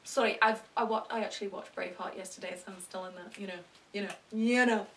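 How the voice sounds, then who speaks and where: A British teenage girl rambling and chatting to camera in a self-deprecating way, often breaking into excited squeals. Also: mid-range voice, fast talker, distant mic. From Britain. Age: teens. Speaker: vlogger. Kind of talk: rambling casual chat to camera.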